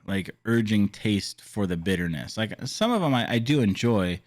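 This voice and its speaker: A man co-hosting a casual podcast, animated, laughing often and restarting his sentences. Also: on the low side, normal speed. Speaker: podcast co-host. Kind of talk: casual chat.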